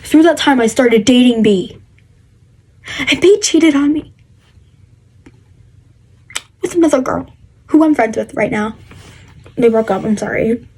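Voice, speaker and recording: Husky-voiced young woman rambling through a story. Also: a little high, normal speed, long pauses, a little mellow, rough recording. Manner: rambling with many fillers and restarts. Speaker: vlogger. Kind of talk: casual storytelling to camera.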